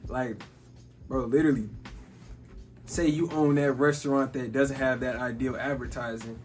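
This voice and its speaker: A man's voice: mid-range voice, fairly even intonation, moderate pace, faint music behind. A man in his twenties from Chicago, hosting a casual chat about business and money, easygoing and saying "bro" and "like" constantly. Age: 20s. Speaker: podcast host.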